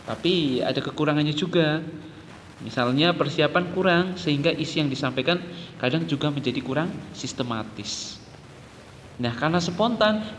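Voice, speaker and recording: Lively Indonesian man teaching in a hall. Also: on the high side, background noise. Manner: explanatory, addresses listeners, frequent "nah" and "ya". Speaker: instructor. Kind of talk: explaining speech methods to an audience. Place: office or meeting room.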